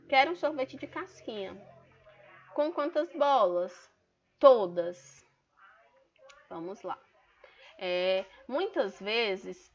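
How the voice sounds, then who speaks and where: A woman's voice: on the high side, fairly bright tone. A Brazilian woman teacher with a Brazilian Portuguese accent, explaining a grammar lesson in an online class step by step and often checking in with her students. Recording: dull lo-fi online class audio.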